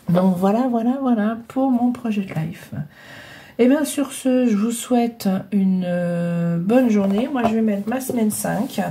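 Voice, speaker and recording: A middle-aged woman vlogger, congested with a cold and breathing heavily through a blocked nose, chats casually to viewers from her home craft room about her scrapbooking. Her mid-range, dark-toned voice is hesitant, full of fillers and restarts as she rambles. Slight background noise is audible.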